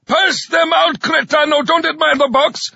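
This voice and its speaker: A man voicing a fat, gleefully cruel male drill sergeant with a rasping voice who barks and growls orders in a dull lo-fi recording. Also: very high voice, steady tone, moderate pace, bright, forceful tone, dry recording, pitched above the performer's own voice, full character voice. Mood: barking.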